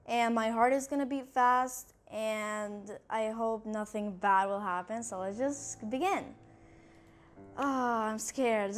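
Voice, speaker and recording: A woman gamer talks her way through a horror game at an unhurried, drawn-out pace. Her voice sits a little high, and she sounds jumpy and uneasy as she narrates each thing she finds. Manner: jumpy and nervous, keeps saying she is scared; thinks aloud, narrating what she sees. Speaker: gaming channel host. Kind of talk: let's-play commentary.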